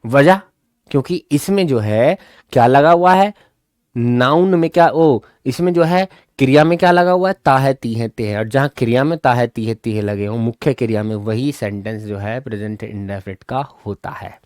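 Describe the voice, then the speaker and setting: A man teaching English grammar in an explanatory lesson. He keeps checking that his listeners follow, calls them child, and repeats example sentences slowly. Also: mid-range voice, darkish tone, smooth, no echo, studio quality.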